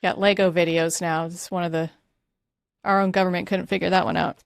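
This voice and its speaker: A woman's voice: on the low side, flat delivery, brisk, no room sound, studio quality. A woman hosting a podcast, giving short reactions, laughing along and asking the guest questions. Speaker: podcast host. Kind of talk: casual interview talk.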